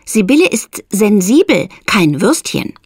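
A sneering schoolgirl with a high, bright voice that rises and falls sharply, as a woman reading a storybook puts her on. She sounds challenging and scornful, lifted well above the reader's own pitch. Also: big pitch swings, unhurried, slightly rough, dry recording, clean studio sound, full character voice. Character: haughty schoolgirl, sharp and accusing.

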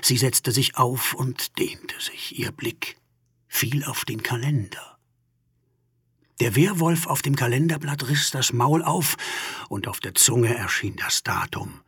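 A narrator reads a children's ghost story aloud, letting the pitch swing widely and taking time over each phrase. The voice is a little husky and sits close to the mic in a dry space. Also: no echo. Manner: expressive, unhurried read-aloud. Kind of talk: storybook reading.

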